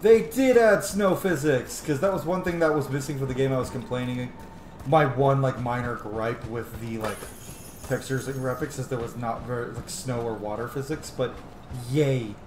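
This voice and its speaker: A gaming streamer plays and comments in a casual, rambling let's-play, gushing and swearing freely as he goes. He speaks at normal speed in a mid-range voice. The recording has a roomy echo and faint background noise.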